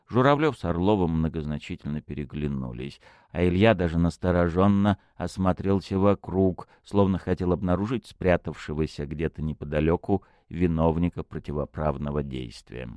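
A man narrating an audiobook in an expressive storytelling manner, close to the mic. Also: low-pitched, smooth, no room sound, dull audio.

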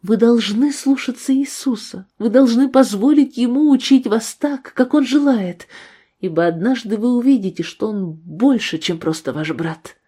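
A woman's voice: fairly low pitch, expressive, normal speed, hardly any pauses, mellow, slightly rough. A woman reading the part of a devout, earnest mother in a storybook reading. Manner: earnest, pleading. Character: devout mother, firm yet loving.

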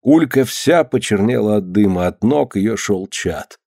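A man reading a story aloud in steady audiobook narration. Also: fairly low pitch, a little slow, creaky, no echo, studio quality.

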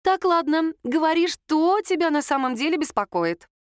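A woman's voice: high-pitched, animated, normal speed, dry recording, studio quality, voice pushed up. A woman reading an audiobook, voicing a confident, teasing young woman reassuring her friend. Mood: wry.

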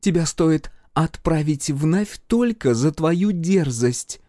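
A man's voice: on the high side, lively intonation, slow pace, dark tone, no echo, studio quality, voice pushed up. A male audiobook reader voicing a haughty female goddess of dreams who speaks with contempt and sarcasm. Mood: angry. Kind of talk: audiobook character voice.

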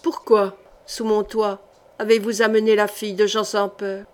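A woman voicing a cold, cruel queen who speaks calmly and coldly and threatens with quiet menace, in an audiobook reading. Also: fairly high pitch, a little slow, natural voice. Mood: icy, menacing. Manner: calm, then icy and threatening.

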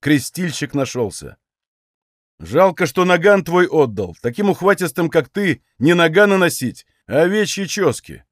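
A man's voice: fairly high pitch, big pitch swings, normal speed, no room sound, clean studio sound. A man voicing a composed young Cossack officer who speaks in curt, scornful threats in an audiobook. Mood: menacing.

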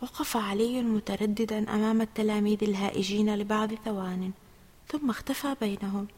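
A woman's voice: mid-range voice, brisk. Woman narrating a children's story, echoey. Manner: expressive, steady reading.

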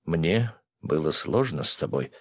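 A man's voice: a bass voice, very animated, a little slow, slightly rough, no echo, clean studio sound, heavily acted. A man voicing a teasing, tender young merchant who jokes playfully with the woman he loves.

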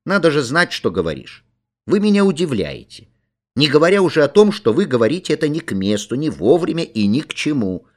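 A man voicing a stern, fussy male schoolteacher who scolds slowly and indignantly. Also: on the high side, sing-song, pitched above the performer's own voice. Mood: scolding.

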